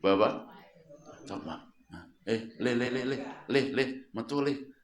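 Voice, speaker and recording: A man preaching a sermon at home, telling a story with lively questions to his listeners. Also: medium pitch, a little slow. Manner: lively storytelling, questions the audience and repeats words. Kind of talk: sermon to a local congregation. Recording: roomy echo.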